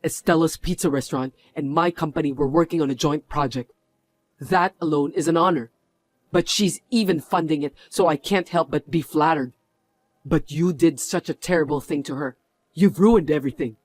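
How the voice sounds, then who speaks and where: A man's voice: a little high, moderate pace, darkish tone, no echo, close to an everyday voice. A man voicing a stern company executive who scolds in a firm manner. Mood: scolding. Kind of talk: voiced story drama.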